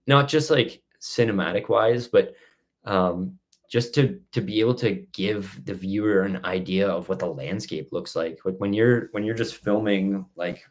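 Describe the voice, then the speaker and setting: Low-voiced man rambling through a casual live chat. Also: measured pace. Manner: rambling, stop-start explanations. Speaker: outdoor vlogger hosting a live Q&A. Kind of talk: casual live-stream chat, reading out and answering questions.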